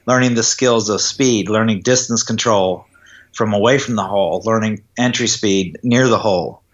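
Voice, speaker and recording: A man's voice: fairly low pitch, moderate pace, dull audio. A man who teaches golf putting, explaining his approach in an interview and often checking that the listener follows. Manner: explanatory, checks in with "does that make sense". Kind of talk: interview conversation.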